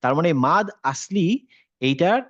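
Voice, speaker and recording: A man's voice: a little high, lively intonation, a bit bright, no echo, dull audio. Man teaching a patient tajweed class. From Bangladesh. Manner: explains slowly, mixes English words into Bengali, models sounds. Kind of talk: online class lesson.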